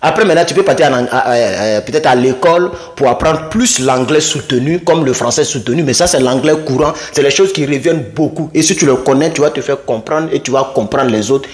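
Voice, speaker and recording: A man giving a casual lesson at a whiteboard, explaining phrases in a lively way and acting out short dialogues. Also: a little fast, hardly any pauses. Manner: lively, acts out little dialogues in a higher voice. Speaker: English teacher. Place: room with a small whiteboard.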